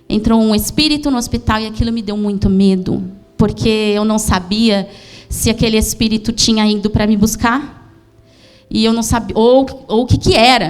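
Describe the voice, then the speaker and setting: A Brazilian woman pastor giving an emotional sermon testimony, often pausing and restarting as she tells her story. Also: on the high side, clear, resonant tone. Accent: Brazilian Portuguese. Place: church.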